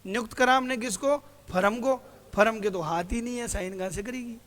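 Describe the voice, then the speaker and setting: A man's voice: sits high, fairly quick, a bit bright. A male teacher giving a classroom lecture who keeps asking his students questions, answers them himself, and calls them "beta". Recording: hall reverb.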